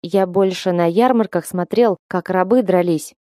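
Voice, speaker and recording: A woman's voice: lowish voice, normal speed, mellow, no echo, clean studio sound, natural voice. A woman voicing a young townsman who mutters in a sullen, frightened way. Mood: hesitant.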